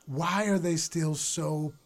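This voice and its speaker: A middle-aged man hosting a university podcast interview, enthusiastic and quick to laugh. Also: fairly high pitch, steady tone. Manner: enthusiastic, exclaims "wow" often, laughs easily. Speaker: podcast host. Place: university audio studio.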